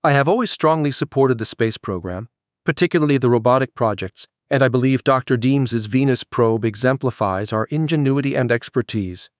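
A courteous male senator making formal, polished remarks in committee, as a male narrator voices him. His voice sits at a middle pitch with a dry, close sound. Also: fairly quick, no room sound, close to an everyday voice. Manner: formal, polite, speechmaking. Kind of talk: audiobook character voice.

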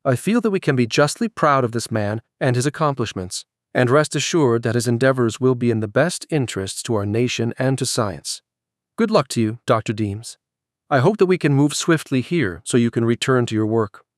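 A man's voice: mid-range voice, expressive, normal speed, no room sound, studio quality, natural voice. A man reading the part of a courteous male senator who speaks in a formal, speechmaking way in an audiobook. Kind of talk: audiobook character voice.

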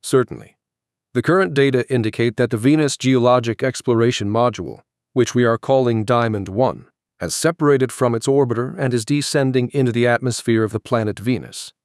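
A patient male scientist laying out his explanations calmly and clearly before a committee, as a male narrator voices him. The voice is middle-pitched and close, with a dry sound. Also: brisk, no echo, close to an everyday voice. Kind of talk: audiobook character voice.

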